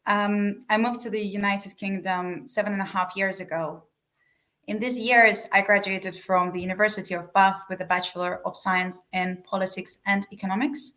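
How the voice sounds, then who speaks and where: Webinar presenter: young woman, steady scripted delivery, mid-pitched. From Estonia. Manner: reads a prepared script evenly. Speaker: webinar speaker, sales manager.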